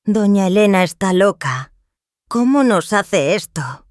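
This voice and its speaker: A woman narrator putting on a furious young daughter-in-law, hysterical and accusing, pitched above the narrator's own tone. The storytelling is read close, with a dry sound. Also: animated, measured pace, no echo, lightly acted.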